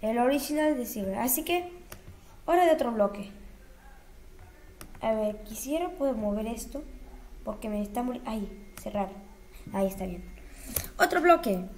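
A woman's voice: fairly high pitch, lively intonation, normal speed, pauses often, darkish tone, slight background noise. A young woman, chatting casually as she talks herself through editing block textures, with flustered exclamations. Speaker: YouTuber.

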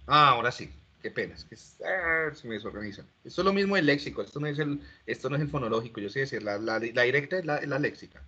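A man's voice: mid-range voice, expressive, fast talker, hardly any pauses, bright, forceful tone, slightly rough. A man teaching an online class, explaining step by step and questioning his students. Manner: explanatory, asks students questions, frequent restarts. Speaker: lecturer. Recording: dull lo-fi audio.

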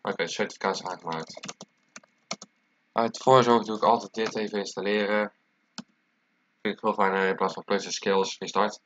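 Stuffy-nosed and congested with a cold, a man casually presents a screencast tutorial, talking while he types. His voice sits on the low side with a steady tone and fairly bright quality, at normal speed with long pauses. The dull lo-fi mic picks up clear background noise, including keyboard typing and clicking.

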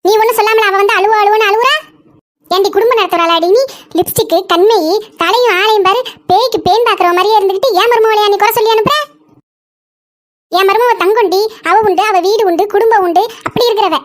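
Woman voicing a shrill fast-talking village mom, scolding, cartoon. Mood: fierce. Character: fierce protective village mother-in-law. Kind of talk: cartoon voice acting.

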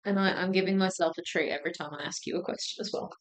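A woman's voice: lowish voice, steady tone, racing. A woman hosting a casual quiz on a livestream, giggly and chatty, explaining at length. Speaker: quizmaster on a livestream. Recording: roomy echo.

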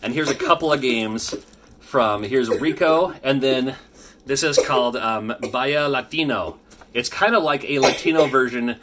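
A man's voice: mid-range voice, measured pace, noisy background. A man in his thirties, a father, hosting a casual unboxing vlog, chatty and rambling with frequent restarts. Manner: chatty, rambling, self-correcting. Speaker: YouTube host. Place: home room with his kids.

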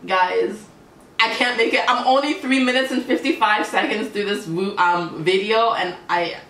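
A woman's voice: medium pitch, moderate pace, fairly bright tone. A Canadian woman hosting a reaction video, chatting casually to viewers while exclaiming and laughing, easily startled. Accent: Canadian English. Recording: roomy echo from a distance.

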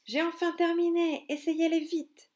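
A woman voicing a gentle mother squirrel in a storybook, in a soft, tender voice. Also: very high voice, level tone, a little slow, pitched above the performer's own voice.

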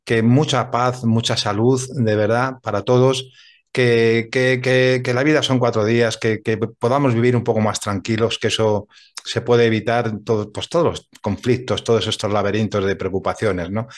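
A man hosting a radio interview, talking in an earnest, halting way with repeated words. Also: mid-range voice, flat delivery. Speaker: radio host. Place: radio studio.

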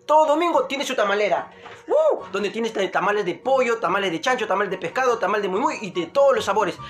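A man's voice: high voice, a bit bright. A man with a Peruvian accent hosting a playful, jokey mock cooking show from his home kitchen. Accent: Peruvian Spanish. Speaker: comedic vlogger.

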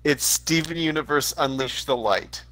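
A man's voice: a little high, moderate pace, pushed and bright. A man joining a game stream as a co-host, chatting casually and teasing and goading his friend. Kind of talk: casual gaming stream chat.

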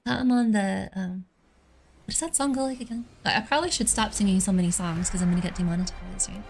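A woman streamer chatting casually while she plays a game, playful, cutesy and quick to apologize. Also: mid-range voice, darkish tone, soft background music. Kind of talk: casual gaming livestream chat.

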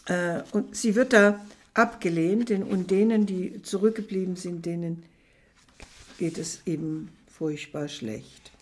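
A woman's voice: fairly low pitch, a little mellow. A woman talking thoughtfully about a book, with hesitations, and then reading passages from it aloud. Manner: thoughtful, hesitant, many pauses. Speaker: book presenter.

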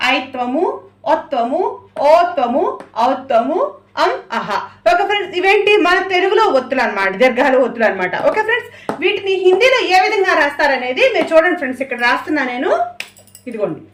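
A Hindi teacher with a high-pitched, slightly bright voice gives a language lesson in an echoey room. She explains patiently and repeats herself as she writes.

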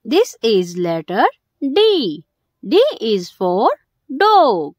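A woman at medium pitch, slightly mellow, hosts a children's alphabet video with huge pitch swings and drawn-out words. She speaks in short, simple phrases, stressing the key words. The studio-quality recording has no echo.

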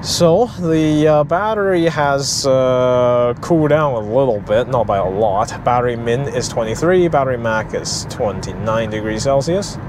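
A man's voice: mid-range voice, animated, a little slow, hardly any pauses. A man casually narrating an electric car road trip vlog, explaining things with frequent ums and uhs, recorded in a car and outdoors in a parking lot. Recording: noisy outdoor vehicle ambience.

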